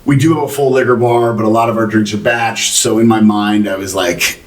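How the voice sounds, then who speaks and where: Deep-voiced laid-back man in his forties. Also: steady tone, fairly quick. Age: 40s. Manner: laid-back, profane, storytelling. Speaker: podcast co-host. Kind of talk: casual chat. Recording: slightly distant mic, faint room noise.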